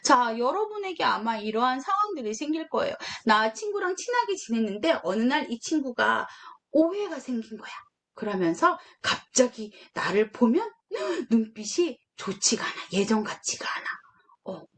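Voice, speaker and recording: Lively young woman preaching to children. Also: a little high, moderate pace. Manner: storytelling, acts out dialogue with lively voices. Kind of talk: children's sermon.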